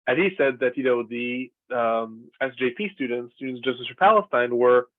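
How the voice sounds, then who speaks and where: Speaking at a moderate pace in a medium-pitched voice, this man, once a lecturer and from Israel, reflects at length during a video call. The earnest conversation is thick with fillers and restarts, and the audio is tinny and dry with no room sound.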